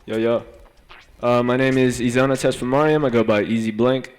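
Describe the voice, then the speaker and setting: A man's voice: mid-range voice, fairly even intonation, fairly quick, smooth. A young man who is a hip-hop artist, introducing himself in a laid-back way with many fillers. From United States. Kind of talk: casual self-introduction.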